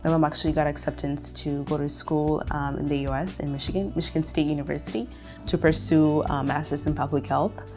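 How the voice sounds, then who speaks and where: A woman's voice: low voice, fairly even intonation, brisk, over music. A young woman from Kenya, telling her story in a documentary interview, reflective and full of fillers. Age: young adult.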